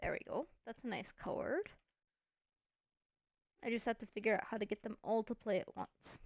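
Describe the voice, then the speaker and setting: Chatty woman thinking aloud, higher voice. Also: moderate pace, no echo. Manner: chatty, thinking aloud, playfully self-mocking. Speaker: Minecraft let's-play host. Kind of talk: casual gameplay commentary.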